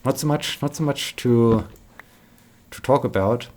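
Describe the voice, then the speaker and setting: A man's voice: medium pitch, a little slow, background noise. A man chatting casually while playing a game, rambling and repeating words, tired but upbeat. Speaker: gaming vlogger.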